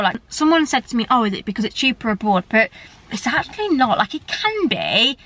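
Sitting in a parked car, a young female vlogger chats casually to the camera, which she holds close up at arm's length. She's talkative and rambling, leaning on lots of fillers, and her mid-range voice sounds fairly bright over a rough recording.

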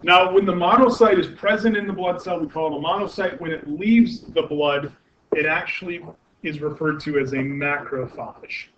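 A man gives a university anatomy lecture at normal speed in a bright, high-ish voice, explaining things step by step and asking the class questions. He uses many fillers and often corrects himself. The classroom recording is muffled and lo-fi, with faint noise.

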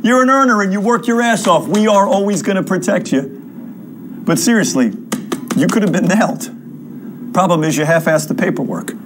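A police sergeant in a TV crime drama. He is blunt, profane and instructive, protective of his people, in a somewhat high voice. Clear background ambience fills the office. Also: lively intonation, brisk. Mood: reassuring. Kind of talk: naturalistic TV crime drama acting. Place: small police office, indoors. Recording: clear room ambience noise.

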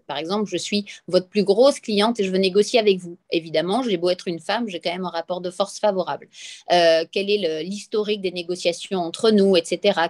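A woman speaking as a professional negotiator in a webinar, direct and lively, teaching with examples. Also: medium pitch. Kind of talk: webinar talk. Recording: video call.

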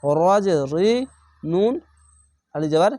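A man's voice: a little high, slow, dark tone, no room sound. Guy teaching quran reading, spells it out syllable by syllable, stretches the long vowels, dry close sound. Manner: patient and methodical, repeats syllables and draws out vowels. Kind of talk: spelling out Arabic syllables for learners.

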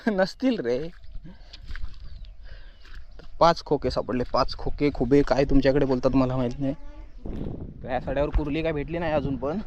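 A young man, vlogging in casual chat outdoors on a rural plateau, addressing viewers directly and often dropping to a soft murmur. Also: medium pitch, flat delivery, fast talker. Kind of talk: casual outdoor vlog narration. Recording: dull, muffled outdoor audio with faint nature noise.

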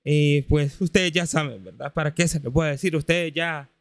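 A man commenting on a clip in a measured, lecturing way, often tagging his lines with a question. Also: on the high side, fairly even intonation, fairly bright tone, clean tone, no room sound.

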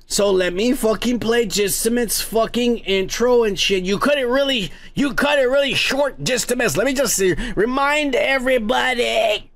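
Reading viewer comments from home, this show host has a very high, creaky, slightly bright voice and moves at a moderate pace with few pauses. He rambles, cusses freely, and keeps restarting, his microphone heavily compressed.

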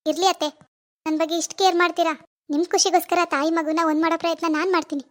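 High fast woman doing a sweet trusting young daughter-in-law, soft and polite, cartoon. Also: level tone. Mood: reassuring. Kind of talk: animated family drama voice acting.

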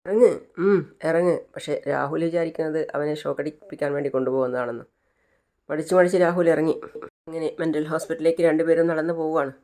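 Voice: mid-range voice, fast talker. An adult narrator casually retelling a TV serial episode, slipping into the characters' lines as the story goes. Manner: lively storyteller who slips into the characters' lines.

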